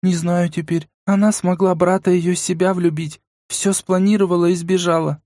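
A man's voice: high-pitched, level tone, normal speed, darkish tone, dry recording, clean studio sound, pitched above the performer's own voice, close to an everyday voice. A man reading an audiobook, voicing a frightened, tearful young woman captive who pleads in a tremulous, whimpering way. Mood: frightened, hurried. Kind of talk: audiobook character voice.

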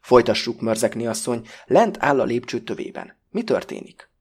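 A man voicing a curt, sarcastic man who brushes aside feelings and demands facts. His tone is mocking and impatient. The husky timbre stays rough at the edges. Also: mid-range voice, sing-song. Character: brusque, sarcastic bespectacled man interrogator.

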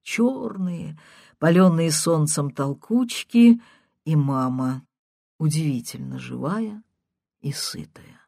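Woman, literary reading, measured storytelling, very slow, dry close sound. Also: sits low, expressive, gravelly, warm tone, no echo. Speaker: reader.

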